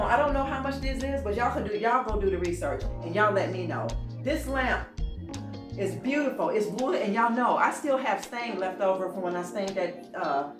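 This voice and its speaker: A woman vlogging from her home office, chatty and excited, calling her viewers "y'all". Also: mid-range voice. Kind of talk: casual chat.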